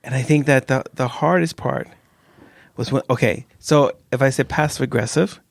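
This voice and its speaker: A man's voice: medium pitch, moderate pace, creaky, no echo. A man co-hosting a podcast in casual chat, rambling and losing his train of thought, sounding drowsy. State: drowsy from a warm stuffy room. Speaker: podcast co-host.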